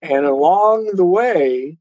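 The voice sits high and is darkish in tone, delivered slowly with lively intonation. It belongs to a poet and author answering interview questions in an earnest, explanatory, conversational manner. There's no room sound, and the lo-fi recording is dull.

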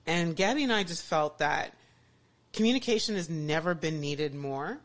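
A woman hosting a podcast chats casually and enthusiastically in a low voice at normal speed, with many restarts and lots of "you know"s.

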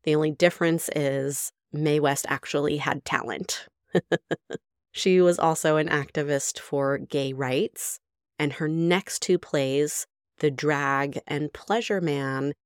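A woman with a low voice hosts her podcast in a casual solo monologue. She is chatty, frank and enthusiastic, and throws in the odd swear word. The sound is close and dry. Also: no room sound. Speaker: podcast host.

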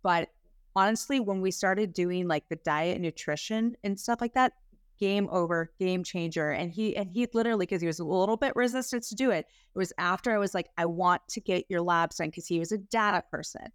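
A woman's voice: mid-range voice, fairly quick, smooth, no room sound, studio quality. A woman health practitioner, a guest on a podcast interview, telling stories about her clients with enthusiasm.

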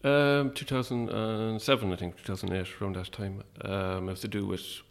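A man with an Irish midlands accent talking casually and a little hesitantly as an interview guest, in a low-key, wry way. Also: fairly even intonation, moderate pace, vocal fry, a little hiss or hum. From Longford, Irish midlands.

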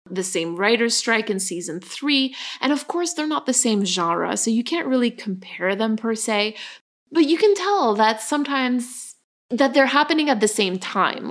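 A woman co-hosting a podcast in casual chat, chatty and laughing often. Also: on the high side. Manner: chatty, laughs often, animated when joking. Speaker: podcast co-host.

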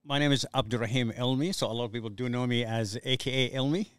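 A middle-aged man from Somalia, appearing as an interview guest, tells his story in English, which isn't his first language. He works with youth in the community, and his speech is casual and hesitant. His voice is medium-pitched, and he talks at a quick pace.

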